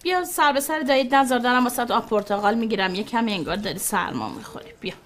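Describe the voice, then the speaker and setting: A woman's voice: a little high, expressive, lightly acted. An actress as a weary, bitter mother. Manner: tired, bitter, teary.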